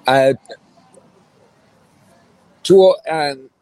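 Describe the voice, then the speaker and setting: A man in his forties with a South Wales Valleys accent, answering reflectively and haltingly in a casual interview. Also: fairly high pitch, a little mellow, clean tone, no room sound, poor audio. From Merthyr, South Wales. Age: 40s. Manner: halting, hesitant delivery with many pauses. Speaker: interview guest, former councillor.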